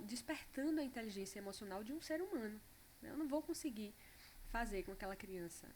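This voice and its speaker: A woman speaks in a relaxed conversational way, reflective and full of small fillers. Her voice sits at a middle pitch. A faint noise hangs under the recording. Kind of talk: casual conversation.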